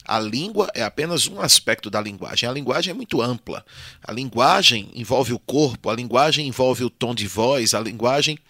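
A man with a Brazilian Portuguese accent, lecturing in a clear, bright tone. He talks like a patient teacher and keeps checking in with the listener. The room is very dry, with the mic close up. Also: mid-range voice, expressive, moderate pace, no room sound. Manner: didactic, often adds tag questions. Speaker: Portuguese language teacher, guest. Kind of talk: explanatory podcast conversation.

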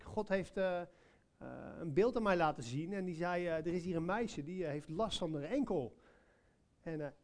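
A man preaching a sermon, telling a personal story in a conversational way, with many hesitations and direct questions to listeners. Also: high voice.

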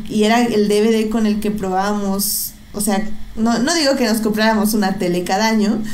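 A woman's voice: mid-range voice, a little mellow. Echoey, hesitant young Mexican woman. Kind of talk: casual conversation about films. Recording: echoey room, faint background noise.

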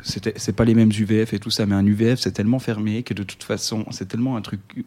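A man's voice: fairly low pitch, little pitch movement, fast talker, a little mellow. A man co-hosting a community radio show from France, talking casually about politics with many fillers and restarts.

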